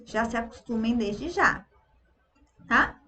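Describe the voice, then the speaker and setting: High-voiced Brazilian woman teaching English. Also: expressive, pushed and bright, slight background noise. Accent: Brazilian Portuguese. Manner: drills pronunciation, repeating words slowly. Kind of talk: online language lesson.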